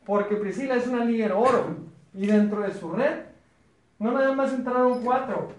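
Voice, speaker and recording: A man's voice: extremely high pitch, moderate pace. A man with a Mexican accent giving a chatty, joking business presentation to a small group, often checking that they follow. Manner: chatty, questioning the room, joking. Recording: roomy echo.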